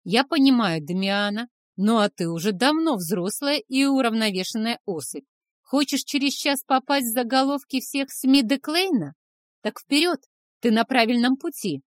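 A woman's voice: a little high, expressive, fairly quick, hardly any pauses, no room sound, studio quality, pitched above the performer's own voice, natural voice. A woman playing a wry, commanding dragon brother. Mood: scolding. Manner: mocking, authoritative.

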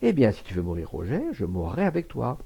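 A man's voice: lowish voice, wildly swooping pitch, fairly quick, creaky, dark tone, husky, full character voice. A man reading aloud, voicing a passionate young actress who pleads emotionally. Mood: defiant.

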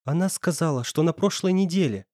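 Brief: hurt young woman in an audiobook, read by a man, soft slightly hoarse pleading voice, raised pitch. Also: sing-song, a little fast, no room sound, clean studio sound. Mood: hushed. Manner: strained, pleading.

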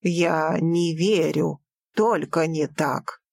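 A woman voicing a distraught, stern father in an audiobook, speaking in a slow, heavy, scolding way. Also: deep voice, gravelly, darkish tone, no room sound, pitched below the performer's own voice, exaggerated voice. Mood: angry. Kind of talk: audiobook character voice.

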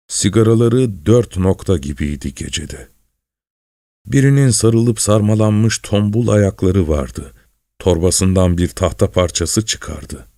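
A man reads a story aloud slowly in a low, mellow voice. His delivery stays calm and measured throughout. The recording is close and dry. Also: dry recording. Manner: calm, measured, soft-spoken. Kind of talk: slow literary story reading.

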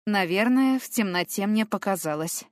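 A woman's voice: mid-range voice, lively intonation, moderate pace, no room sound, clean studio sound. Woman reading a tense first-person story. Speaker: audiobook reader. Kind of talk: scripted first-person narration.

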